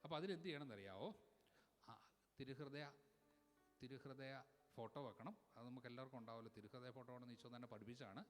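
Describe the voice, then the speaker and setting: Priest preaching in a reverberant hall. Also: male voice, medium pitch, fast talker, pauses often, soft background music. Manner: animated, calls for responses, mixes English words. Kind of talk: sermon.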